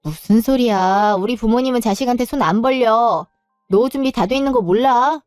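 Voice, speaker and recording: A woman's voice: fairly high pitch, moderate pace, a little mellow, no room sound, soft background music, close to an everyday voice. A woman voicing a stubborn husband who insists on helping his parents in a story reading. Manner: insistent, pleading.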